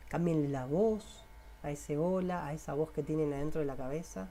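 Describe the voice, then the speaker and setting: A man's voice: on the high side, fairly even intonation, normal speed, mellow, slight background noise. A man with a Rioplatense Spanish accent, a self-help coach leading a guided inner-voice exercise, repeating prompts and coaxing listeners directly.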